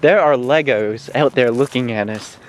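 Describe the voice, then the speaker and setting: A young man chats casually on a walk with a dry, deadpan delivery. His pitch is ordinary for a man. Faint street noise sits behind him outdoors. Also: normal speed. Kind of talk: casual chat while walking. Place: outdoors on a city street at night.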